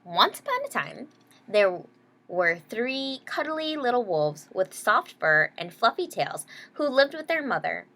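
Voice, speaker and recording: A woman's voice: a little high, sing-song, measured pace, sharp tone, slight background noise. A woman storyteller reading a children's picture book aloud in a teacherly way, explaining as she goes. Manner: checks in with listeners using short questions.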